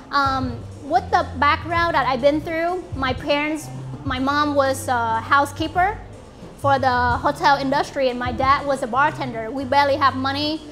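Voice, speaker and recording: A Vietnamese woman in her late twenties, an event host and company founder, gives an informal speech to a small group in a bright indoor apartment lounge. She speaks earnestly in halting English with fillers and a Vietnamese accent. Her voice sits high and sounds a bit bright.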